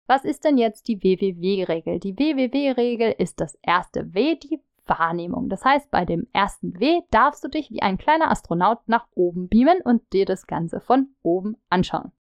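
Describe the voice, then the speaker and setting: A woman's voice: medium pitch, animated, measured pace, few pauses, no echo. A woman explaining a feedback method in a friendly teaching tone, speaking straight to the listener and acting out sample phrases. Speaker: leadership coach.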